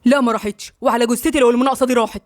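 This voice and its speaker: A woman's voice: on the high side, very fast, darkish tone, no room sound, studio quality, natural voice. A woman with an Egyptian accent voicing a proud, angry young man, in a tense, clipped way.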